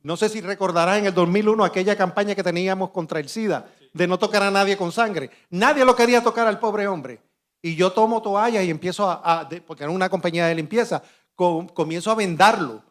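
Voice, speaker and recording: A middle-aged man speaks on a conference panel. He tells a dramatic first-person story in a high voice, animated and vivid. He acts out the dialogue and shouts out sound effects. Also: brisk. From Puerto Rico.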